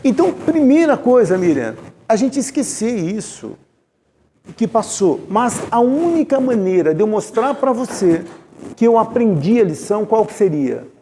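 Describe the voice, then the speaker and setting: A man's voice: high voice, big pitch swings, normal speed, mellow, slight background noise. A man with a Brazilian Portuguese accent giving a conversational lecture at a spiritist center, telling personal stories and speaking straight to the audience. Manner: storytelling, speaks directly to the audience. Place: spiritist center meeting room.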